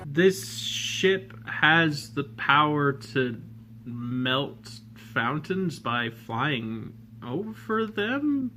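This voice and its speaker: A man's voice: fairly high pitch, big pitch swings, drawn-out words, music in the background. A man giving a comedic review of an old cartoon, with wry, joking asides. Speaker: retro game and cartoon reviewer.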